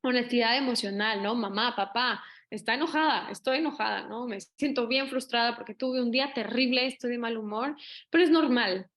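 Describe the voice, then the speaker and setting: A woman's voice: a little high, a little fast. A young woman giving an online talk on protecting children, acting out the voices she quotes. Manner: lively, acts out quoted voices. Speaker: speaker on child abuse prevention.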